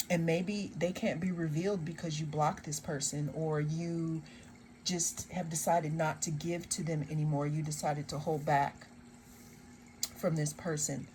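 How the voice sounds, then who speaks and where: A woman giving a tarot card reading to viewers, speaking slowly and emphatically, drawing out phrases and repeating refrains, with sarcastic asides. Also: on the low side, a little mellow, slight background noise, rough recording. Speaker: tarot reader.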